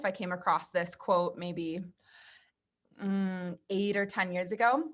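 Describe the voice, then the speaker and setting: A woman podcast guest giving a reflective, conversational answer in a thoughtful, deliberate, explanatory way. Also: medium pitch, a bit bright.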